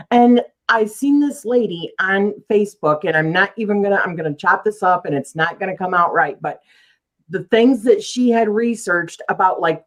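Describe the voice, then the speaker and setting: A woman hosting a casual live-stream chat, talking loosely, laughing easily and reading out viewer comments. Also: medium pitch. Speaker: host of a live chat show.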